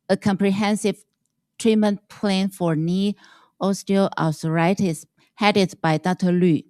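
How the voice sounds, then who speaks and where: A woman's voice: on the low side, a little mellow, dry recording. A woman doctor reads a formal scripted presentation on behalf of a hospital.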